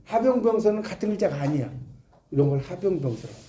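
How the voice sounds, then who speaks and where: A man's voice: high-pitched, animated, fast talker, warm tone, slight background noise. A man giving a classroom lecture, explaining with examples and asking his students questions. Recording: echoey classroom.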